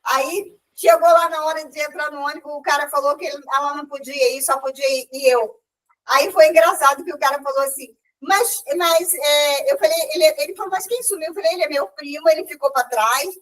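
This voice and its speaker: A woman's voice: high voice, brisk, fairly bright tone. A woman with a Brazilian accent gives an emotional testimony at a church meeting, often quoting herself and restarting her sentences. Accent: Brazilian Portuguese. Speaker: church group member giving a testimony. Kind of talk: animated storytelling testimony. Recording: voice from far off the mic.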